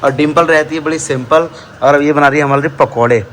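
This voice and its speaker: A young man narrates his family vlog in a rapid, chatty stream, teasing relatives and calling out to viewers. His voice sits a little high, with a faint hiss in the background. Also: steady tone, a bit bright. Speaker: vlogger and travel company owner. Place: family homes and car, indoors and out.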